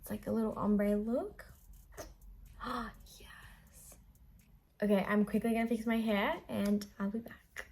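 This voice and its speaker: A woman's voice: mid-range voice, fairly even intonation, brisk, gravelly, hardly any pauses, a little mellow, a little hiss or hum. A young adult Australian woman chatting casually through a makeup vlog in a bubbly, gushing, slangy sorority-girl manner. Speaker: beauty vlogger.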